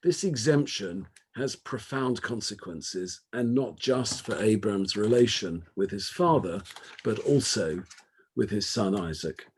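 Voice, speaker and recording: A man giving an academic lecture, speaking in a measured, emphatic way and building points through rhetorical lists. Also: lowish voice, expressive, darkish tone, a little hiss or hum.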